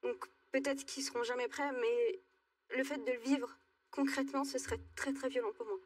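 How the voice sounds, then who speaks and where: Hesitant young woman from Alsace, high voice. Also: fairly even intonation, distant mic. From Alsace, France. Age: 20s. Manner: hesitant, halting with many fillers. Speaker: guest. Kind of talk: talk show testimony. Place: TV studio.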